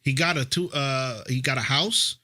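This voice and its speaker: A man co-hosting a casual podcast, throwing in quick, laid-back jokes. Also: medium pitch, pushed and bright. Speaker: podcast co-host.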